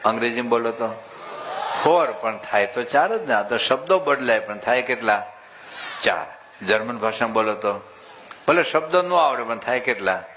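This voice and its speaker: A male monk giving a humorous sermon to a live audience, talking in a lively, rhetorical way and quizzing the crowd for loud answers. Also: medium pitch, moderate pace, noisy background.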